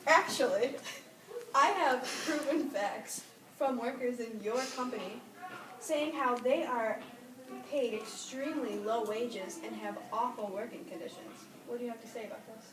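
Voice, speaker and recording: A woman's voice: a little high, a little slow, noisy background, natural voice. A woman playing an indignant, argumentative challenger who presses accusations in an amateur skit. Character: indignant female challenger confronting the powerful. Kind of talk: amateur student debate skit. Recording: echoey distant room recording with crowd chatter.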